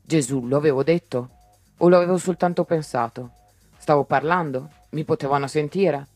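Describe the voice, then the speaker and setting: A man narrating an audiobook in a lively way, giving each character's lines their own voice. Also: fairly high pitch, moderate pace, breathy edge, dry recording, soft background music.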